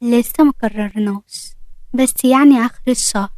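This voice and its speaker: A woman with an Egyptian accent voicing a shy young bride who speaks gently in a story reading. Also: a little high, normal speed, dry recording, natural voice. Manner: bashful.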